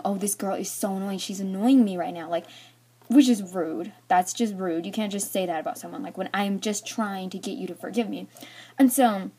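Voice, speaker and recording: A woman's voice: mid-range voice, darkish tone. A teenage girl chatting through a personal story, rambling with lots of "like" and acting parts out with toys. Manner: rambling, filler-heavy, "like" in every sentence. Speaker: storyteller vlogger. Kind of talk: casual storytime chat.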